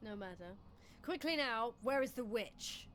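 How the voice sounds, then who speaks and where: A woman's voice: a little high, animated, measured pace, a bit bright, a little hiss or hum. A woman voicing a curt, guarded masked man who intrudes, with a terse and clipped delivery. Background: game music.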